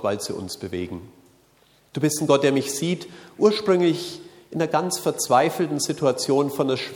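A man giving a calm, earnest sermon to a live audience, repeating his key phrases. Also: medium pitch. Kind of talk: sermon-style talk on faith and science. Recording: long hall reverb.

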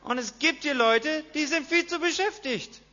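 A man preaching a lively sermon, acting out voices and swinging from hushed to loud. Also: very high-pitched, moderate pace. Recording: dull lo-fi sound.

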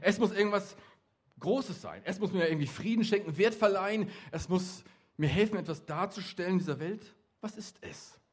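A man's voice: high-pitched, brisk. A middle-aged man who works with youth gives a chatty, joking talk to a young audience and keeps asking them questions. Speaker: youth worker speaking at a youth event.

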